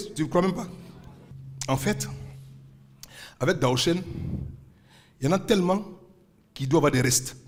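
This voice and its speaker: A man's voice: on the high side, breathy edge. A man preaching a sermon as pastor, with fervent call-and-response and rhythmic repeated refrains. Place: church service.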